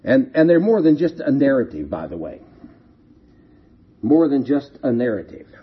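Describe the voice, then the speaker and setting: A man's voice: mid-range voice, big pitch swings, brisk, slightly rough, highs cut off. A man preaching a sermon, reading scripture aloud and repeating key phrases with rhetorical questions.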